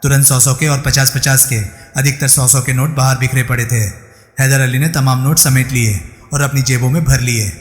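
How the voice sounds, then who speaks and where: A man narrating a crime thriller audiobook in a steady storytelling manner. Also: mid-range voice, moderate pace. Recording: echoey room with long reverb.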